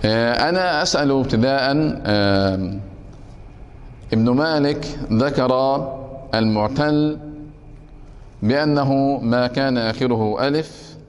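A man's voice: medium pitch, a little slow, pauses often. Male grammar teacher lecturing in a reverberant hall. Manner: keeps asking the class if it is clear; takes questions from students.

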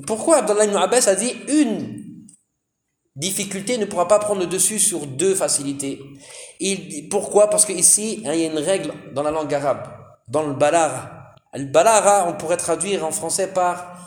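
Teaching Quran commentary, this Islamic teacher asks his brothers questions only to answer them himself, using frequent "hein" fillers and Arabic terminology. His somewhat high, slightly mellow male voice carries reverb.

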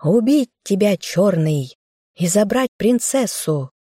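A woman voicing an arrogant, treacherous young man, a squire in armor who shouts threats. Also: fairly low pitch, normal speed, no room sound, studio quality, lightly acted. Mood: threatening. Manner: shouting, menacing.

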